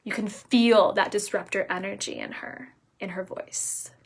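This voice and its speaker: A woman coach giving a casual live talk, energetic and emphatic, dropping at times to soft, near-whispered lines. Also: medium pitch, unhurried, creaky, husky. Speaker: business coach.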